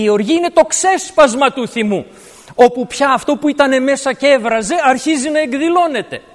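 A man preaching a sermon, explaining scripture word by word and verse by verse. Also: extremely high pitch. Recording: long reverb of a large hall.

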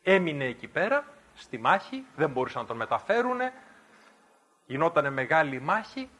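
A male preacher giving an animated Bible study. He reads old-style scripture passages aloud and then retells them in everyday words. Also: a little high. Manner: animated storytelling, alternates scripture reading with explanation.

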